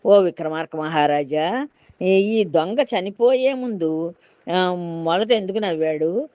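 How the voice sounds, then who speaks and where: A woman's voice: on the low side, animated, takes it slowly, dark tone, dry recording. A riddling male spirit presses a king for an answer in a storybook tale, as a woman reading aloud puts him on. The questions come in a raised, probing tone, heard in a dry, close room.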